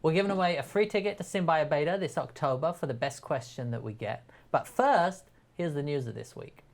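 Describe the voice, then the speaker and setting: An upbeat man hosts a live web broadcast, reading news items and stumbling through his asides. His voice sits in an ordinary middle range. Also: mid-range voice. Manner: upbeat, stumbling over words. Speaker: host. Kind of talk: live web show hosting.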